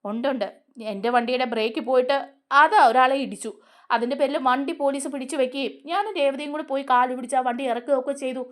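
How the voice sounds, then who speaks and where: A woman's voice: high-pitched, steady tone, fast talker, close to an everyday voice. A woman voicing a stern, scolding man from a TV serial who demands answers. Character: stern older brother figure, scolding.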